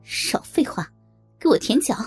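A woman's voice: measured pace, faint music behind, close to an everyday voice. A woman voicing a cruel, scornful female tormentor in an audio story, speaking in a sneering, contemptuous way.

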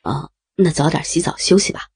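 Husband role: woman playing a caring young man, low and raspy, gentle tone. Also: a little fast, heavily acted. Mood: concerned. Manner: gentle, concerned.

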